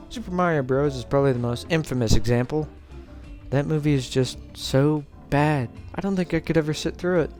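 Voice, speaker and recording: A man hosting a video essay series delivers casual scripted commentary, sarcastic and informal, with background music under his voice. His voice is mid-range with a darkish tone.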